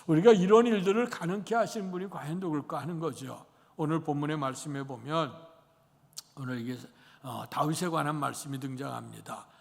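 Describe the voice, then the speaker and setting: Male pastor, 60s, fairly high and gravelly, folksy rambling sermon, church reverb. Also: a little fast. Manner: rambling, anecdotal, many fillers. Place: church sanctuary. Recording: long church hall reverb.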